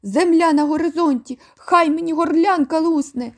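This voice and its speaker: A woman voicing an angry old male sea admiral who shouts and blusters. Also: very high-pitched, moderate pace, voice pushed up. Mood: furious.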